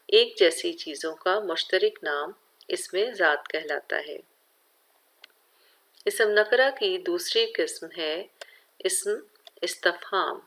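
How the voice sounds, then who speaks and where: Female schoolteacher with a Pakistani Urdu accent, lowish voice, slow and methodical delivery for a recorded children's lesson. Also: a bit bright. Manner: slow, careful explaining, addresses students directly.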